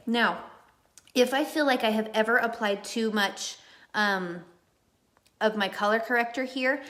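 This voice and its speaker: A woman who works as a makeup artist gives a live makeup tutorial in a chatty, reassuring way, wandering onto little tangents and murmuring soft asides under her breath. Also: medium pitch.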